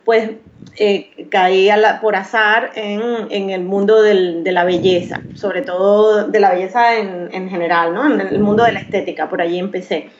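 A woman's voice: medium pitch, fairly even intonation, moderate pace. Hesitant woman with a Maracaibo accent. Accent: Venezuelan, Maracaibo. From Venezuela. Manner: hesitant, many restarts, thoughtful. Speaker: guest, professional makeup artist. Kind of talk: interview answers. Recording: slightly dull, lo-fi sound.

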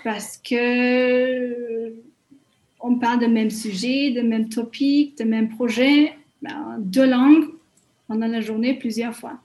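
A woman's voice: on the high side, steady tone, takes it slowly, darkish tone. Woman with a Hungarian accent, hesitant. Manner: hesitant, many fillers and restarts, small grammar slips. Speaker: guest. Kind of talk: casual interview in French.

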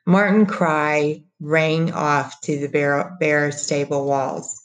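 A woman reading a story aloud as narrator, steady and unhurried, with small slips. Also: low-pitched.

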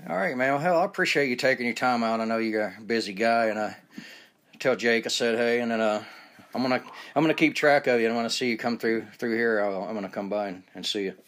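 A man's voice: medium pitch, quick pace, fairly bright tone. A man from the American South hosting a casual interview, chatty and loose, laughing easily between stories. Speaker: podcast host.

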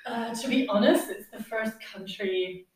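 A woman in her thirties from Germany, chatting casually as an interview guest, relaxed with lots of fillers and laughs. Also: on the high side, a little slow, distant mic. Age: 30s. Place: apartment overlooking the sea. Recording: echoey room, off-mic.

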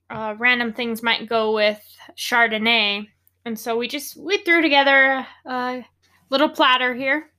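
Brief: American woman, podcast co-host, bright and high, casual and chatty. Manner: chatty, laughs easily, reads aloud. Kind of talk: casual chat.

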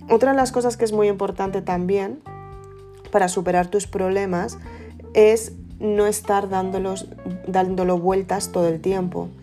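A woman giving a casual, gentle self-help talk, often checking in with the listener. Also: lowish voice. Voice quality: soft, conversational, asks "¿no?" often. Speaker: emotional wellbeing speaker. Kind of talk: casual motivational talk to camera. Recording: soft guitar music underneath.

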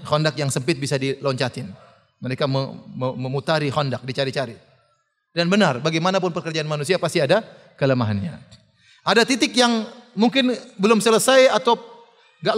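High-voiced male preacher telling a story. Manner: lively storytelling with fillers and laughs. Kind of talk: religious lecture storytelling. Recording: long hall reverb.

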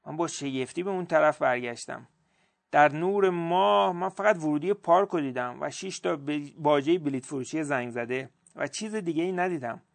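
A man reads a first-person story aloud as an audiobook. His voice sits slightly high for a man, and his delivery is measured and expressive. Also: gravelly, no echo. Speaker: narrator.

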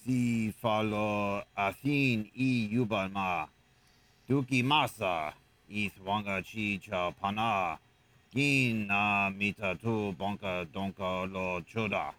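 Jabba, a slow rumbling alien boss. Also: male voice, a bit bright. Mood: bossy. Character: huge slug-like male crime lord, gruff. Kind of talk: audio drama acting.

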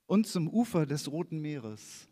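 A man preaching in a church, reading scripture aloud in a lively, expressive way with casual asides. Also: on the high side, a little slow. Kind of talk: sermon reading scripture with slides. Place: church hall. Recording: long church reverb.

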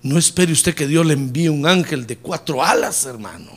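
Male pastor, middle-aged, high and very animated voice, preaching with swings from loud to quiet. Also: normal speed. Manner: preaching with humor, rising loud on key points and dropping low and soft on "hermano". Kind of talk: sermon.

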